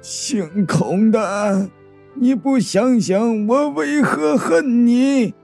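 Male storyteller doing a high, slow, bitter schemer of a son-in-law in a folk tale. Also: expressive, warm tone, faint music behind. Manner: slow, bitter, self-justifying pleading. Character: scheming resentful live-in son-in-law, young man.

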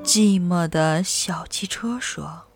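A woman reading a children's picture book aloud in a slow, gentle, expressive way. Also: lowish voice. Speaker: storyteller. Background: soft music.

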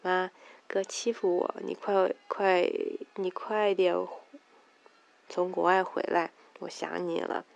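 A woman's voice: on the low side, little pitch movement, slow, gravelly, muffled recording. A woman voicing a spoiled, sulky teenage girl in a story she reads aloud.

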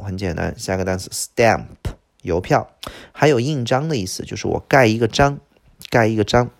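A middle-aged man teaching English vocabulary, stumbling over filler words and slowly repeating each word he teaches. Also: lowish voice, creaky, darkish tone. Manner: lots of "这个" filler, drawn-out slow repeats of words. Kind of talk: vocabulary lesson.

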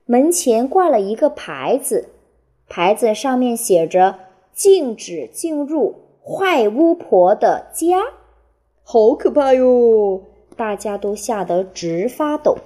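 A mother reading a picture book aloud to her child at home, gentle and expressive. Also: fairly high pitch, slow pace.

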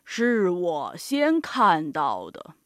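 A woman voicing a big stubborn male elephant with a low, forceful voice in a storybook. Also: wildly swooping pitch, drawn-out words, dry recording, studio quality, heavily acted. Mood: demanding.

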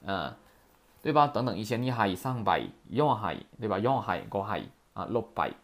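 A man's voice: on the low side, big pitch swings, normal speed. A man teaching Japanese grammar in a chatty lecture, often asking rhetorical questions. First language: Mandarin.

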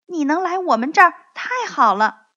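A woman's voice: fairly high pitch, animated, measured pace, a bit bright. A woman voicing a cheerful, friendly little country mouse that sounds eager and welcoming. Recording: dull lo-fi recording.

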